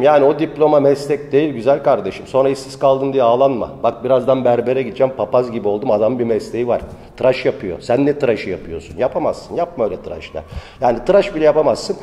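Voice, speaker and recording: A man's voice: medium pitch, warm tone. A man, an astrology teacher, gives an informal lecture in a rambling, colloquial and preachy way, often scolding his listeners. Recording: long reverb.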